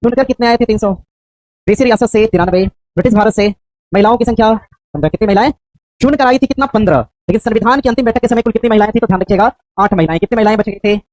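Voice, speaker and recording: A woman teacher coaching a class for an exam, quizzing students with rapid, repeated questions. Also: a little high, a little mellow, no echo, rough recording.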